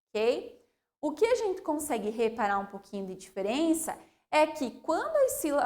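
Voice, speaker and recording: Brazilian woman, primary teacher, high voice, unhurried delivery, keeps checking in with pupils. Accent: Brazilian Portuguese. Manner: checks understanding with frequent "ok?" and "né?", sounds out words slowly. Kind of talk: slow, clear classroom explanation.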